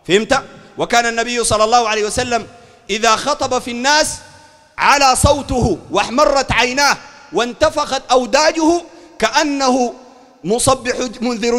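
In a heated polemical lecture on religion, this Sudanese sheikh speaks with a Sudanese Arabic accent and an extremely high, slightly bright voice. He's fiery and loud, repeatedly demanding whether his audience understands, and his words ring out in a long hall reverb.

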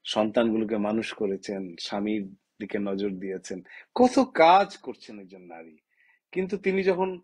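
A husky-voiced man speaks straight to the camera, a writer from Bangladesh making his case. He keeps firing impassioned rhetorical questions at his listeners. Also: medium pitch. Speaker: writer giving a talk. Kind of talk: direct-to-camera opinion talk.

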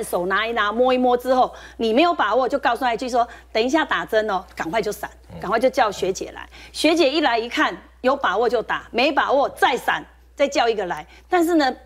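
A woman with a Taiwanese Mandarin accent, a nurse guest on a talk show, explaining briskly with a laugh now and then. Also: on the high side.

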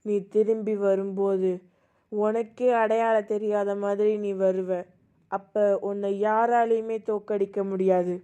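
A woman voicing a scheming older woman who calmly gives orders in an amateur voice drama. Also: mid-range voice, measured pace, smooth, lightly acted. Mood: commanding. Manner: calm, commanding, instructive.

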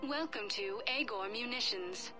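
A high shop kiosk announcer. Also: female voice, unhurried, music in the background. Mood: welcoming. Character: female shop kiosk voice greeting customers. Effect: store announcement over a shop terminal. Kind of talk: video game voice acting.

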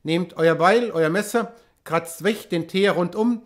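A man's voice: high voice, measured pace. An earnest, devout abbot in his fifties, as an audiobook reader puts him on, pressing his questions in a slightly raised voice. He speaks with clerical authority that tips into urgency. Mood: urgent. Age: 50s. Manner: questioning, then urgent and excited. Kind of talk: audiobook reading.

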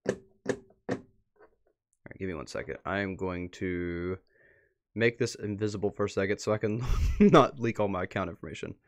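A low-pitched man speaking at a normal pace, with frequent pauses, hosts a casual livestream indoors. He goes through posts on his computer, reading them out and muttering to himself.

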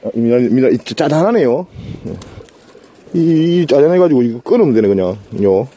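A man with a Gyeongsang Korean accent talks casually outdoors, with a husky, mellow voice. His pitch jumps around a lot as he stammers, rambles and jokes with his viewers. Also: lively intonation, moderate pace. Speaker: vlogger and live streamer. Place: outdoors in a rural garden.

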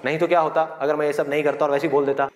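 A man's voice: a little high, level tone, rapid-fire. A man giving a live motivational talk to students, asking rhetorical questions in a playful way. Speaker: motivational speaker. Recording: echoey hall, live audience, faint music.

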